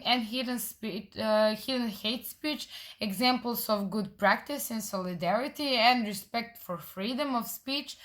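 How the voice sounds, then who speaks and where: A woman's voice: a little high, a bit bright. Hesitant woman presenting research. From Serbia. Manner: hesitant, frequent uh fillers and self-corrections. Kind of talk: prepared conference presentation.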